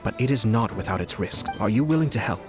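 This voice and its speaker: An actor voicing a composed, shrewd noble commissioner in a video game, with measured, courteous, articulate speech. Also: male voice, fairly low pitch, expressive, close to an everyday voice. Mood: calm, calculating. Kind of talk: scripted video game dialogue. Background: game music.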